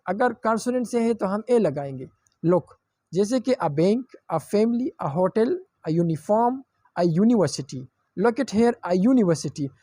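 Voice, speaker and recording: Man slowly teaching grammar examples. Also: sits high, a little mellow, no room sound, studio quality. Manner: explains step by step, repeating examples slowly; mixes English phrases into explanations. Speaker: English teacher. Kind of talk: online grammar lecture.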